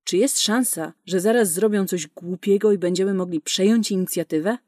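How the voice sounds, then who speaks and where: A nervous, dazed man who apologises and hesitates over his words, as a woman narrator reads him. His lines come a little lower and softer than the narration, in a storybook reading. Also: normal speed, no room sound, studio quality, lightly acted. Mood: hesitant. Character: nervous, dazed male client hiding from gunfire.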